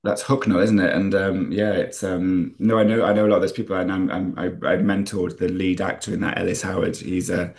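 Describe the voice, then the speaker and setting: Low-voiced Nottinghamshire screenwriter, chatty interview guest who trips over his words in excitement. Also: gravelly. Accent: North Nottinghamshire. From Nottinghamshire, England. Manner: enthusiastic, fast, many restarts and repeated words. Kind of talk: casual interview chat.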